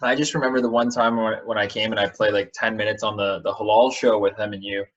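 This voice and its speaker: A man's voice: fairly low pitch, flat delivery, quick pace. Easygoing male host, dull lo-fi sound. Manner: easygoing, agreeable. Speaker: radio host. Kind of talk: casual interview chat. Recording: dull lo-fi audio.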